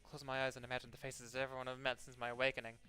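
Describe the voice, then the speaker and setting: A man's voice: mid-range voice, completely flat delivery, rapid-fire, bright, forceful tone, faint music behind. A sardonic, sweary man giving casual game commentary and reading the game's text aloud. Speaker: let's play host.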